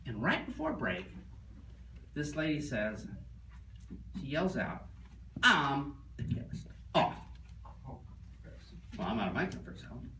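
A male sales trainer giving a live seminar lecture in an animated way, quizzing the audience and telling stories. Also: medium pitch, moderate pace, pauses often. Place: seminar room. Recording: roomy and distant with faint noise.

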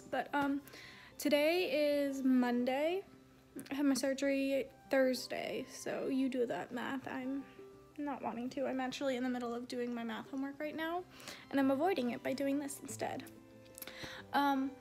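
A woman's voice: high voice, a little mellow. A young adult woman giving a casual video diary update, rambling hesitantly and often saying "like". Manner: hesitant, filler-heavy rambling with frequent "like". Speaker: vlogger.

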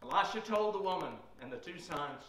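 A pastor delivers a sermon at the pulpit of a small church sanctuary, retelling Bible stories as a storyteller in a high, bright male voice with lively intonation and a fairly quick pace. He sounds far away and echoey, picked up by a room mic on a distant camera.

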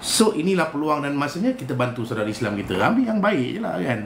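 A man's voice: a little high, sing-song, fast, vocal fry, a bit bright, reverberant, a little hiss or hum. A man with a Malaysian Malay accent, a spiritual healer giving a casual live-stream talk with a preachy, rhetorical manner and exasperated asides.

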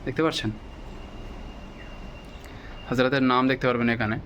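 A man guides viewers on an outdoor walking tour. He keeps his speech hushed and reverent, at an ordinary mid pitch. The on-location recording has clear ambient noise behind him. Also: steady tone. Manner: deliberately hushed, speaking softly in a cemetery. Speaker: vlog host and guide. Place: outdoors in a cemetery.

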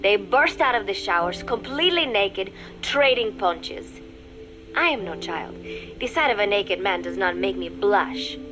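A woman gives voice to a reserved teenage girl narrating her video-game diary in a measured, formal tone. Her voice sits at a middle pitch and often sinks to a soft near-whisper. Faint music plays behind her. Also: lightly acted, rough recording.

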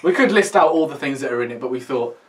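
A man's voice: medium pitch, animated, fast talker. A British man in his twenties co-hosting a review video in casual, bantering chat. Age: 20s. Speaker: co-host of a pipe tobacco review video. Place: small indoor room. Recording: distant mic, faint room noise.

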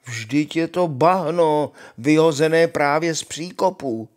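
A man's voice: on the high side, pitched above the performer's own voice, natural voice. A grandfather voicing sneering, learned young brothers. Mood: mocking. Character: two mocking learned young brothers, scornful.

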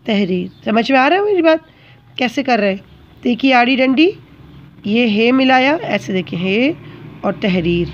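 A woman's voice: a little high, expressive, measured pace, muffled recording, slight background noise. A woman teacher giving a patient, step-by-step handwriting lesson to children, often checking that they follow.

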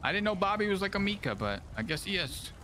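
Higher voiced guy bantering in game chat, slangy, all over the place pitch, noisy cars behind. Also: big pitch swings, fast talker, sharp tone. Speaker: player in an online role-play game.

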